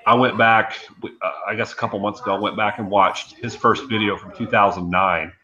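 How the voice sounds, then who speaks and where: A man chatting casually as host of a video-call panel, easygoing and encouraging, leaning on fillers like "you know". His voice sits a bit low but has a bright edge. It comes through dull, lo-fi call audio with faint noise behind. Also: fairly even intonation, brisk. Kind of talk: casual chat.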